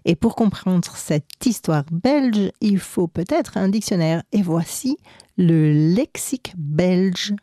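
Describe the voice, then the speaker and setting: A soft, mellow, mock-sweet voice, which a man pitches up high, announces what comes next in the tale. It sounds gentle and a little distant. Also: animated, slow pace, no echo, clean studio sound, heavily acted.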